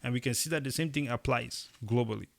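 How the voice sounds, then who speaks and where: A young man from Cameroon co-hosting a casual opinion chat, talking emphatically and rising into animated bursts. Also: medium pitch, fast, creaky. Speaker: podcast co-host.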